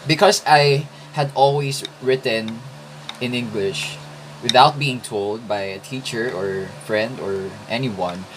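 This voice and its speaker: A writing vlogger in his twenties from the Philippines, whose first language is Filipino, shares writing tips in a casual vlog. His medium-pitched voice is slow and thoughtful, with pauses and hesitant restarts, and the background is noisy.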